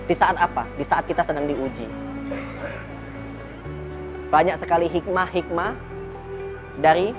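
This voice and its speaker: A man telling a personal story and drawing a religious lesson from it, earnest and preachy. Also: high-pitched. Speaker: founder of a free eatery.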